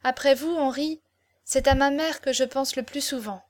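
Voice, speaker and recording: A woman reading the part of a tender, devoted young woman, soft and heartfelt. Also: sits high, fairly even intonation, normal speed, close to an everyday voice. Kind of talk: audiobook character reading.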